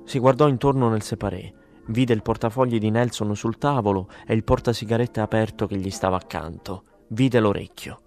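A man narrating a story as an audiobook, in a calm, measured way. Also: fairly low pitch, faint music behind.

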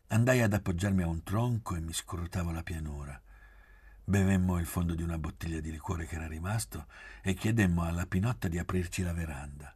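A man reading a novel aloud in a measured, quiet, literary way. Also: deep voice, husky. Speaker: narrator.

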